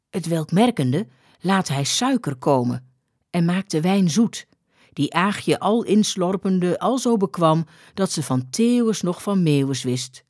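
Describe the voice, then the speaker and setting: A woman reading an old-fashioned story aloud in a measured, deliberate way. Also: on the low side, a little mellow, no echo, clean studio sound. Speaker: reader.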